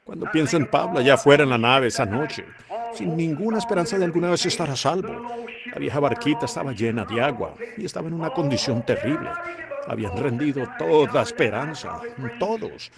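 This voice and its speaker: Impassioned male preacher, lively pitch. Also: a little fast, gravelly, crowd noise. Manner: impassioned, exclaiming preaching with rhetorical questions. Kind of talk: fervent sermon. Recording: congregation noise behind.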